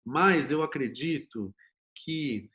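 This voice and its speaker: A Brazilian screenwriter and series producer, speaking slowly in a voice on the high side, explains his views as an interview guest. His talk is conversational and opinionated, with animated storytelling, rhetorical questions, and quotes he acts out.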